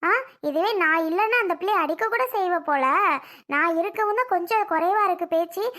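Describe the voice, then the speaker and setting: Bossy protective sister-in-law , played by a child, high, bright, firm. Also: brisk. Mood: scolding. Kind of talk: homemade family drama.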